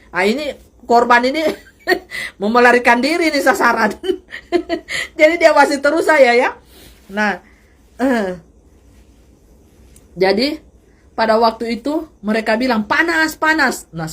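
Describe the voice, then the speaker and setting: A young woman gives a lively church testimony to a congregation. She laughs often and acts out the voices of the people in her story. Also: on the high side. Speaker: testimony speaker.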